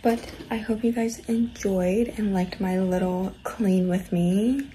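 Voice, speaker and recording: A young woman vlogging from her dorm room in a casual, soft-spoken way, often half-whispering. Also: mid-range voice, slow pace, a little hiss or hum, rough recording. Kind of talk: casual vlog chat.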